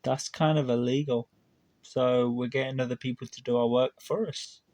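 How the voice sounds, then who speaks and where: A man's voice: medium pitch, fairly even intonation, moderate pace, a little mellow, dry recording. A man hosting a reaction video, talking over a played clip in a heated, incredulous way. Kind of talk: casual reaction commentary.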